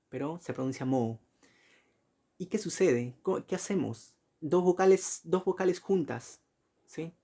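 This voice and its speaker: A man giving a recorded slide lecture, often correcting himself, asking short checking questions and spelling out examples slowly. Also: a little high, darkish tone. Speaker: teacher.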